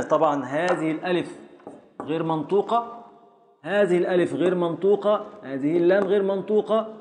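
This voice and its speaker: A man with an Egyptian accent teaching a class on Arabic prosody and grammar. He drills syllables slowly, stretching words to beat out the meter, and calls on students. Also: on the high side. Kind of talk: classroom lesson, calling on students. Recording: echoey hall with long reverb.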